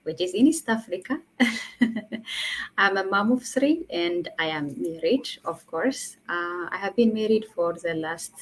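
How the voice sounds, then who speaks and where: A woman's voice: on the low side, expressive, a little slow, slightly rough, poor audio. Earnest woman guest. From Ethiopia. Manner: earnest, laughs between phrases. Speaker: guest, online entrepreneur. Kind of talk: casual interview.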